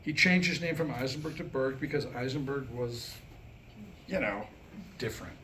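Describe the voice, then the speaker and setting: In a mid-range voice with a sharp tone, a middle-aged man moves at a moderate pace through a comedic monologue and stories. He is a playwright doing a staged reading in front of a live audience, captured in a live room with background noise.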